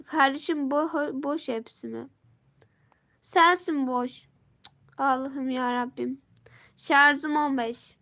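A teenage girl chats through a casual live stream, welcoming viewers and reading their comments, her high, bright voice pushed hard. A sore throat and stuffy nose leave it sounding worn.

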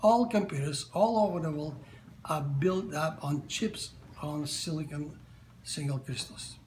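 Bulgarian guy in his 70s, fairly high voice, stops n restarts a lot, echoey living room. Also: a little mellow, slight background noise. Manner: halting, with frequent fillers and restarts. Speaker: interviewee. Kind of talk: casual interview. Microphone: camera at medium distance.

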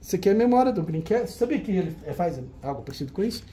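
Male host, jokey and chatty, animated pitch, faint hiss behind. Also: racing. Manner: chatty, teasing, jokey banter with a helper. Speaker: seller hosting a retro game auction. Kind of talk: casual show-and-tell of old game cartridges.

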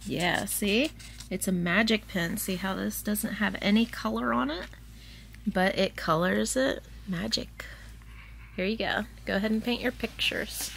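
A woman in her thirties chatting casually while filming herself in her kitchen, thinking out loud as she goes. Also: medium pitch, unhurried, creaky, slight background noise. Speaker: family vlogger. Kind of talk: casual vlog chat. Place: home kitchen. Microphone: handheld camera at arm's length.

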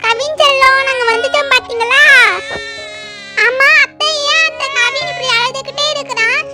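A woman's voice: very high voice, steady tone, moderate pace, over music. A woman voicing eager little girl dolls in a Barbie doll play-acting show.

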